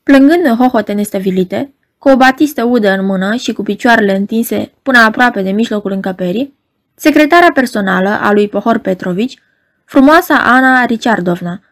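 A woman reading a novel aloud as an audiobook narrator, steady and expressive. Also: a little high.

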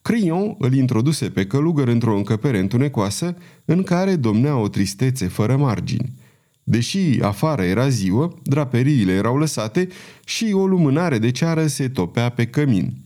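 A man narrating a historical novel as an audiobook in a steady, even reading. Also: medium pitch. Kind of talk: scripted literary narration.

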